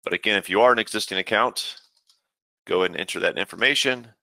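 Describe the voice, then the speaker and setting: A man giving a casual webinar walkthrough of a program as a software trainer, talking steadily with frequent "uh" fillers. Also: lowish voice, fast, creaky, no echo.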